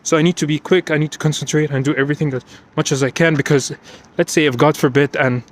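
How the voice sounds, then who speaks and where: Man, slightly high voice, out of breath, walking outdoors, emotional, repeats himself. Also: steady tone, fast talker. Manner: emotional, repetitive, restarts often. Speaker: vlogger recounting an exam. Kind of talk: unscripted personal vlog.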